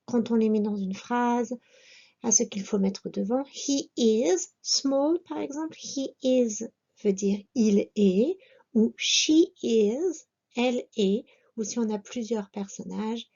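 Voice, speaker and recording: A woman giving a language lesson, pronouncing each word slowly and carefully and asking the listener to repeat. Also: on the high side, gravelly, mellow. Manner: slow, careful pronunciation with repetition prompts. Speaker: English teacher. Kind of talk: slow, deliberate language lesson. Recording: dull lo-fi recording.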